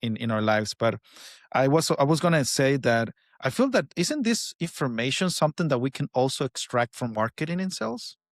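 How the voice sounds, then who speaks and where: A man's voice: mid-range voice, animated, a little fast, no echo, clean studio sound. Latin American-accented man hosting, hesitant. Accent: Latin American Spanish. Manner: hesitant, repeats words while searching. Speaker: podcast host. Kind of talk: casual interview talk.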